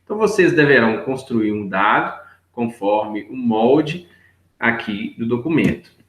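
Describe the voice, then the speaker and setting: Man, teacher, patient step-by-step explaining, mid-pitched voice, roomy echo. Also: animated, measured pace. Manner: patient, step-by-step, checks in with 'right?' and 'look here'. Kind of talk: explaining worksheet answers to young children. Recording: echoey room.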